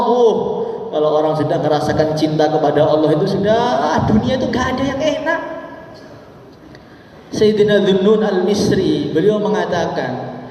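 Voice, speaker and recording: Guy preaching, chanty and repetitive, distant mic, super echoey. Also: very high voice. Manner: sing-song, drawn-out preaching with repeated words and Arabic quotations. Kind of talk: sermon. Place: large mosque hall.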